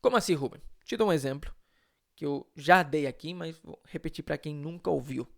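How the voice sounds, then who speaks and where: A man's voice: fairly high pitch, fairly quick, vocal fry. A man from Chile with a Chilean Spanish accent, a Spanish teacher giving a live online lesson in a conversational way, often adding tag questions and answering his own rhetorical questions.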